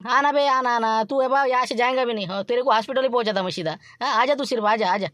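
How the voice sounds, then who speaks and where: A man voicing a blustering, brash male dhaba owner who makes loud threats. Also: very high-pitched, fast, no echo, pitched above the performer's own voice. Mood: taunting.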